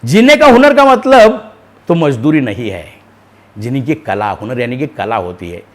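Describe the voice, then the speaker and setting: A man giving a lecture on education, oratorical, posing rhetorical questions and swinging between loud and soft. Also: mid-range voice, big pitch swings, measured pace. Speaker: webinar speaker on education. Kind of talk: public lecture.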